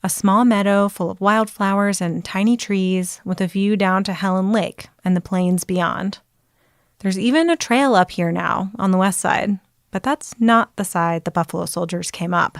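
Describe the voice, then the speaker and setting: A woman narrating a documentary in a clear, descriptive storytelling style. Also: mid-range voice, normal speed, no room sound, clean studio sound. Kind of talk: scripted narration.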